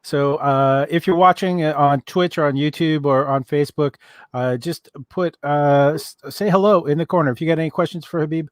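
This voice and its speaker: Male interview host, slightly high pitch, dry sound, halting casual delivery. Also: clear, resonant tone, dry recording. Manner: halting, many uhs and restarts. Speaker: podcast host.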